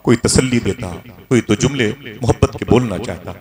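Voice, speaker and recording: A man preaching a sermon as a story, with a North Indian Hindustani accent, going from soft to loud and calling out to the crowd. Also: medium pitch, a little fast. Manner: dramatic, swings from soft to loud, calls out to the crowd. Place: outdoor religious gathering. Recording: crowd noise behind. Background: large crowd.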